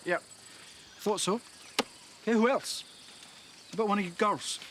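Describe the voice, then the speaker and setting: An actor plays a patient adult camp leader who coaxes a group of teens with a fairly high voice. He hesitates and pads his words with filler sounds. Steady outdoor noise runs behind him. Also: moderate pace, natural voice. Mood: calm, coaxing. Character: adult man leading a teen camp, patient. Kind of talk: TV drama acting. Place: outdoors in the bush.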